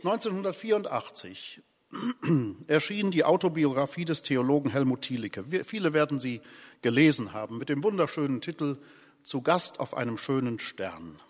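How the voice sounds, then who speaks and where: A man preaching a sermon as pastor, solemn and deliberate, his loudness rising and falling. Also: mid-range voice, lively intonation. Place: church. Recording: long church reverb.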